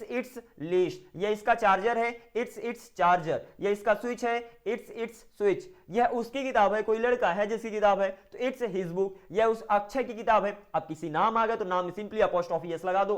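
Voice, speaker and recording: High-pitched man teaching English. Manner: repetitive, asks and answers his own questions. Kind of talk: spoken English lesson.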